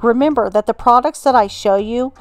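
Speaking a little fast in a voice on the high side, a middle-aged woman from Texas narrates her home organizing channel's scripted voice-over. She stays calm and gives friendly instructions.

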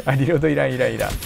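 Lively gravelly gaming commentator, man. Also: mid-range voice. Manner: animated, laughing, shouting at the game. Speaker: game commentator. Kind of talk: live gameplay commentary.

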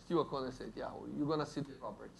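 A man with a Brazilian Portuguese accent, a native Portuguese speaker, giving a lively university physics lecture and joking with the audience. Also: mid-range voice, rapid-fire, creaky. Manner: lively, jokes with audience, asks "right?".

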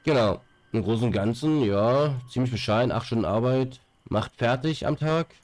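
A young streamer with a stuffy nose from a cold talks loosely through a headset as he plays, rambling with fillers and repeated words. He has a mid-range, darkish voice and speaks at a normal speed.

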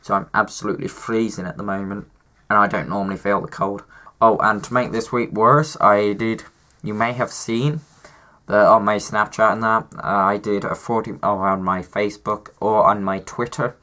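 A man's voice: lowish voice, steady tone, moderate pace, sharp tone. A young man, sick with a cough and sore throat, chatting casually to camera in a rambling, self-mocking way. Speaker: vlogger. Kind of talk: casual vlog chat.

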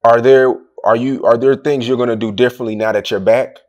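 A man's voice: mid-range voice, fairly even intonation, brisk, darkish tone. A man interviewing a rapper in a casual, rambling way, full of fillers and restarts.

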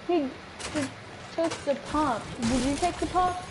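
A high-pitched woman talks slowly and insistently over a game, pressing her friends for items. Steady noise sits clearly under her voice in a home recording. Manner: demanding, insistent. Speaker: friend playing an online game. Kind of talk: casual gaming chat.

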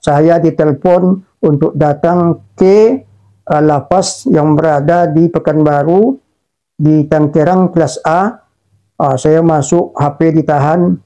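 A middle-aged man preaching, recounting his own story with hesitations and fillers. His voice sits a little high, with a dark, mellow color. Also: slow pace, low-quality recording. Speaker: Islamic preacher. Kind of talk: storytelling sermon.

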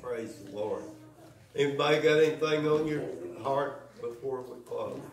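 A man closing a church service with slow, folksy, chuckling exhortation. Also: medium pitch. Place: church sanctuary. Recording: echoey church from a distance.

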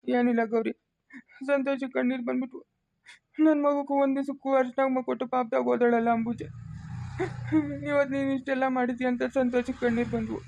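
A woman playing an elderly, weary village brother with a rural Karnataka accent, speaking softly and sorrowfully in a family skit. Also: medium pitch, steady tone, quick pace, no room sound, natural voice. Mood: tearful. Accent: rural Karnataka Kannada.

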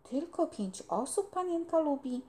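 A woman's voice: sits high, animated, unhurried, dark tone, voice pushed up. A woman reading aloud, voicing a cheerful country boy who gardens, with an eager, rustic manner.

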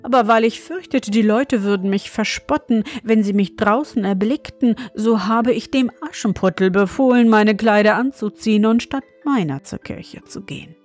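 A woman voicing a haughty, quick-tempered young bride in a fairy tale, with a sharp, scolding manner. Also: mid-range voice, soft background music, natural voice. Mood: defensive.

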